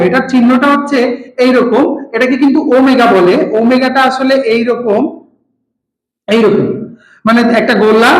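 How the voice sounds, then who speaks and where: Male teacher, patient lecturing, repeats terms, checks understanding, echoey room. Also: extremely high pitch. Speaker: physics teacher. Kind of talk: classroom lecture.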